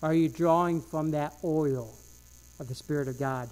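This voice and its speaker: Fervent high-voiced male preacher. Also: moderate pace, darkish tone. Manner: fervent, rising and falling emphasis, repeats phrases. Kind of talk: sermon.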